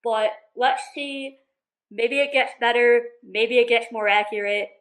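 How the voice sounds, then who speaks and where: A woman's voice: on the high side, measured pace, a bit bright, rough recording. Young woman with a lisp, chatty. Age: 20s. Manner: frank, mildly critical, chatty with fillers. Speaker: YouTuber. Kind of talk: casual reaction commentary.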